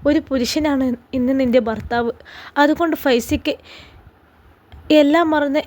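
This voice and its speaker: A woman's voice: high voice, measured pace, a little mellow. A woman voicing an earnest relative who gives a heartfelt farewell speech, with a Malappuram Malayalam accent.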